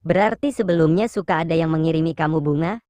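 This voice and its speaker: A woman's voice: deep voice, quick pace, darkish tone, no echo, close to an everyday voice. A woman voicing a curt, stern man on the phone. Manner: curt, teasing questions. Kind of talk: audiobook character voice.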